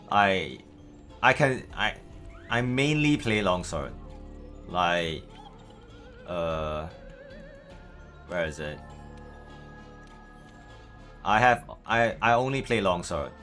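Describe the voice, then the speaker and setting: Malaysian accent guy on a game stream, lowish bright voice, casual and stumbly, bit of music behind. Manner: hesitant, repeats words, often says "man". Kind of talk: casual livestream gaming chat.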